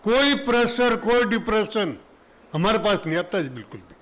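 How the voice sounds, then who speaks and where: A man's voice: high-pitched, lively intonation, moderate pace, fairly bright tone, poor audio. A man from Haryana with a Haryanvi accent, telling folksy jokes and humorous verse to an audience in an auditorium, speaking into a stage mic. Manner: folksy, chatty joke-telling in Haryanvi dialect. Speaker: comic poet performing on stage. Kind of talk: stand-up humorous storytelling and verse. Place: auditorium before a live audience.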